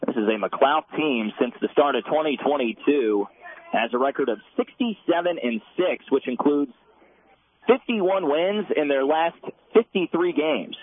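A man giving brisk, stat-heavy play-by-play of a softball game, heard as a loud, dense radio broadcast. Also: fairly high pitch, expressive. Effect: loud dense radio broadcast sound. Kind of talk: live softball commentary. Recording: narrow tinny radio band, faint hiss.

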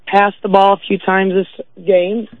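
A woman's voice: mid-range voice, little pitch movement, unhurried, no echo. A woman phones a sports show over a narrow, dry line. She chats casually, and her voice sounds sick, worn and a little shaky. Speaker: regular caller to a sports show.

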